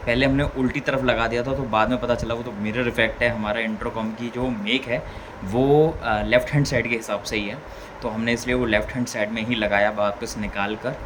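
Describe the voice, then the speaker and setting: A male vlogger gives a casual hands-on tutorial, thinking aloud step by step in Hindi mixed with English words. His medium-pitched voice is steady and a little fast, over clearly noisy background ambience.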